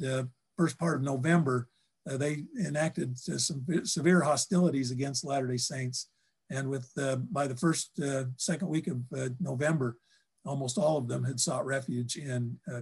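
An older man on a video call from a book-lined office, recounting history in a halting way, full of ums and restarts. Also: mid-range voice, fairly even intonation, gravelly, slightly rough. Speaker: historian guest. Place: office with bookshelves.

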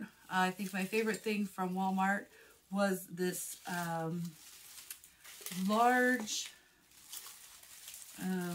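A friendly, chatty woman in her forties hosts a casual shopping haul vlog, her mid-range voice slightly hoarse and husky after a recent illness. She sits in a small room against a plain wall, close to a phone camera with a clip or shotgun mic, and there's a little hiss or hum.

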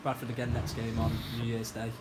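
A man asking brisk, flat questions in a post-match interview from off-mic. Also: medium pitch, noisy background.

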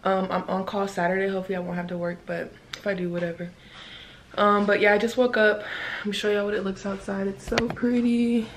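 Young woman, rambling at-home vlogger, monotone delivery. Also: mid-range voice, brisk, a little hiss or hum. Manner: chatty, rambling, many fillers. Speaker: vlogger, night-shift NICU nurse. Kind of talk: casual chat to camera.

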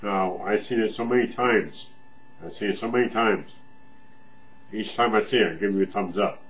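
A man's voice: on the low side, normal speed, a bit bright, rough recording. A man talking with a pipe in his mouth, giving a rambling, friendly weekly review of other people's videos and repeating himself. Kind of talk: casual weekly review vlog.

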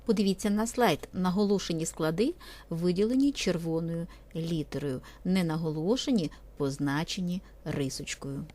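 A woman's voice: fairly low pitch, moderate pace, darkish tone. A woman teacher giving a methodical lesson on poetry, explaining terms step by step and speaking directly to her students over a set of slides. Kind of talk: classroom lecture on poetry.

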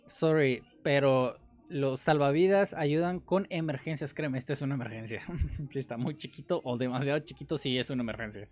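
A man's voice: mid-range voice, brisk, darkish tone. Chatty man translating a story. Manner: chatty, jokey asides, frequent fillers. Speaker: host translating a language-app story. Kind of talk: casual commentary while translating.

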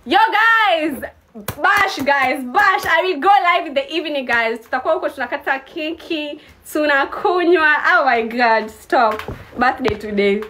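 Young woman, from Kenya, live streamer, teasing and playful, high-pitched, faint hiss behind. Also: normal speed, pushed and bright. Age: 20s. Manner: playful teasing, mixes English and Swahili. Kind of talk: casual live-stream chat with viewers.

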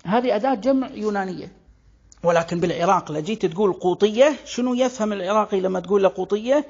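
A speaker with a Kuwaiti accent gives a lively explanatory monologue on where words come from, asking rhetorical questions and answering them. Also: medium pitch, fast talker, husky, muffled recording. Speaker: language commentator. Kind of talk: explanatory monologue on word origins.

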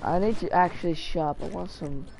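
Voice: medium pitch, moderate pace, creaky, noisy background. A gamer giving casual commentary over their own gameplay, chatty and talking back to the characters on screen. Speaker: gamer narrating own play.

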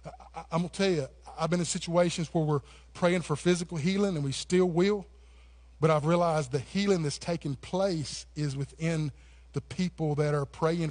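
High-voiced man preaching a lively sermon. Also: normal speed. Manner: passionate, conversational preaching with repeated "man" and restarts. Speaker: pastor. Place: church sanctuary.

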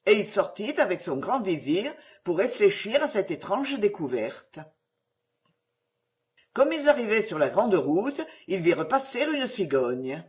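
A storybook narrator reading a fairy tale aloud. The reading is expressive, and the pitch moves a lot, with a middle-pitched voice.

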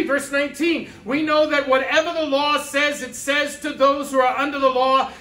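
A man preaching a sermon as pastor, talking conversationally to the congregation with rhetorical asides and quick check-ins. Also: very high voice, bright, forceful tone, a little hiss or hum. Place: church sanctuary. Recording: echoey church sanctuary from a distance.

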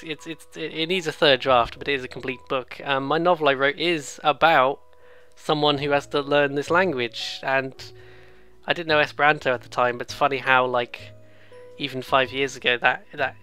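A let's player rambles through excitable, casual game commentary, frequently cutting himself off and reading the dialogue out loud. His mid-range voice sounds clean and moves at a moderate pace, with game music playing underneath.

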